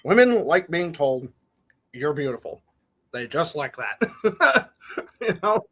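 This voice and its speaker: A man's voice: fairly high pitch, big pitch swings, slow pace, fairly bright tone, breathy edge. A young man co-hosting a casual podcast, laid-back and opinionated, laughing often. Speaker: podcast co-host. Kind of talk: casual chat.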